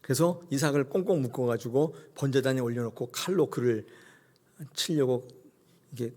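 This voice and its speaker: A middle-aged male pastor preaching a sermon and acting out scenes with sudden high cries. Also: moderate pace. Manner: animated, acts out God's voice with sudden high cries.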